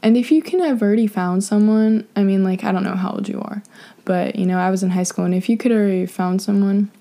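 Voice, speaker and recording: A young woman talks casually and frankly on her podcast, swearing often and wandering through her thoughts. Her voice is mellow and dark, with a gravelly, creaky texture. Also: mid-range voice, quick pace. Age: young adult. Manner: frank, profane, rambling with many fillers. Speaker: podcast host. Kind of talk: casual advice monologue.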